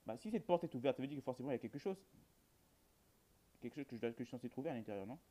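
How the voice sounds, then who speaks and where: Talking very fast in a dark, medium-pitched, expressive voice, a video host narrates a horror game for his audience. His commentary is casual and rambling, full of colloquialisms and deadpan humor aimed at the viewers.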